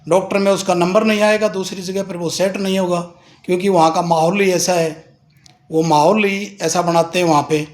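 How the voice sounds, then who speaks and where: Middle-aged guy, high voice, earnest advice to parents, rattles off numbers. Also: fairly even intonation, normal speed. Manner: earnest, advising, reels off figures. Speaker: speaker giving advice to parents. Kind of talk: informal address at a protest.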